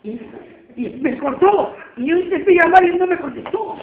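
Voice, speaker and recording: A woman, giving a lively church testimony and acting out the dialogue as she tells it. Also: extremely high pitch, normal speed. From Peru. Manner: animated storyteller acting out dialogue. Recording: tinny phone-like line with faint noise.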